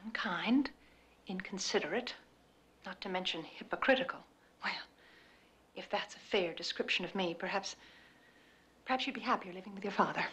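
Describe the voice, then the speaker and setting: A middle-aged mother in a screen drama, volatile and emphatic. Her high voice swings widely in pitch, in a roomy recording with a noticeable echo. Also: expressive, moderate pace, pushed and bright. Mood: wounded, cutting. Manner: theatrical, emphatic. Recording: roomy, clearly echoing, faint background noise.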